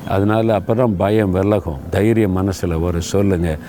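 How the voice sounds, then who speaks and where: A man's voice: deep voice, fairly even intonation, measured pace, mellow, slight background noise. A man preaching an earnest devotional sermon, often putting questions to his listeners.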